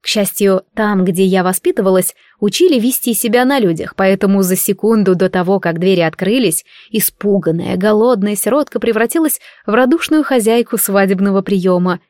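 A woman's voice: medium pitch, normal speed, few pauses, darkish tone, dry recording. A woman reading a first-person story in a wry, lightly ironic way, close to the mic. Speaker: audiobook narrator. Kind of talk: first-person scripted narration.

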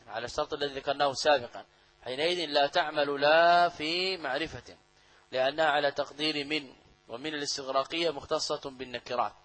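A man's voice: mid-range voice, a bit bright, rough recording. A middle-aged man giving a classroom lecture on grammar, repeating key phrases and asking and answering his own questions. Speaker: Islamic grammar teacher.

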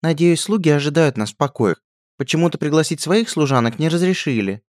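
A man voicing a haughty, spoiled young princess who speaks in a shrill, indignant, whiny way. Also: animated, a little fast, dry recording, studio quality, lightly acted.

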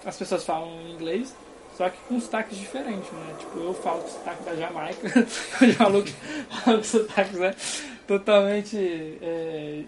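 A high male voice, slight background noise: a young Brazilian guest from Rio's Carioca accent region chats and rambles casually in his dorm room, laughing often.

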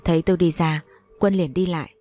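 A woman reading a first-person story aloud in an even, unhurried narrating manner. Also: lowish voice, soft background music. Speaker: audiobook narrator.

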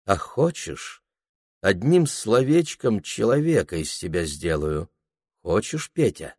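A man's voice: on the low side, very animated, slow, darkish tone, husky, no room sound, studio quality, exaggerated voice. A man putting on a sly sing-song village woman. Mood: coaxing.

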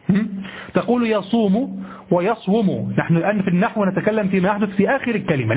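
A man's voice: high-pitched, husky. A man giving a grammar lecture, repeating his phrases, asking rhetorical questions and checking his listeners with "ha?". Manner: self-correcting, asks rhetorical questions. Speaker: grammar teacher. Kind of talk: classroom lecture on Arabic grammar. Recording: tinny lo-fi phone-like recording.

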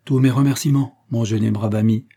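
Un lecteur prête sa voix à un major reconnaissant, cérémonieux, au timbre sombre et rauque, dans un conte du Far West lu à voix haute. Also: male voice, medium pitch, steady tone, a little fast, dark tone, husky. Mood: grateful. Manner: formal, courteous. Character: grateful army major, older man, commanding.

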